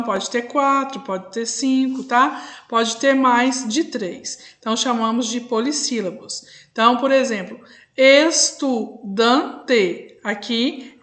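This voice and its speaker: A woman schoolteacher teaches young pupils online, patiently drawing out syllables and checking in often. Her voice is high with a fairly bright tone, and the room sounds echoey.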